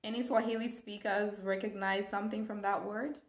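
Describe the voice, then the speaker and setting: In a small indoor room, a young Zambian woman with a mid-range voice teaches a language lesson online at a normal pace, the sound somewhat roomy. She's enthusiastic and animated, gesturing often as she talks.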